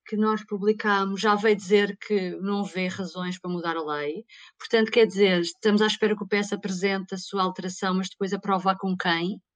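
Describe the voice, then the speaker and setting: A woman journalist with a European Portuguese accent, arguing a point on a political panel in an emphatic, incredulous way. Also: medium pitch. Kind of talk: panel discussion.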